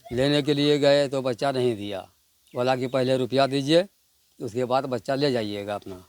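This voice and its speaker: A man's voice: medium pitch, moderate pace, a little mellow, clean tone, dry recording. A man being interviewed, insistently denying everything. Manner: defensive, insistent denial.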